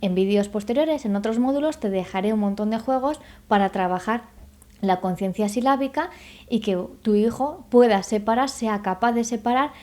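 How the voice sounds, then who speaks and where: A woman speech therapist giving an online lesson, explaining patiently, sounding out syllables slowly and checking in with the viewer. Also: a little high, darkish tone. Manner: addresses the viewer directly with checking questions. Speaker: speech therapist teaching a course.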